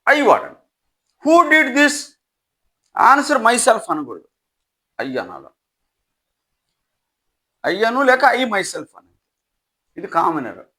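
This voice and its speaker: A man's voice: sits high, huge pitch swings, slow, long pauses, bright, forceful tone. An older man teaching English grammar step by step, asking rhetorical questions and reading out English example sentences. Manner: asks rhetorical questions to check understanding. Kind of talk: classroom explanation.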